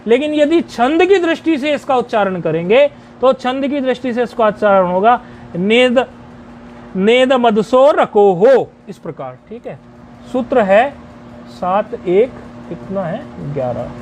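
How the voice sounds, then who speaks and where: A man teaching Sanskrit grammar, chanting rules slowly in metre and then explaining them in a conversational way. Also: very high-pitched, lively intonation, slight background noise. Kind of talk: explanatory lesson.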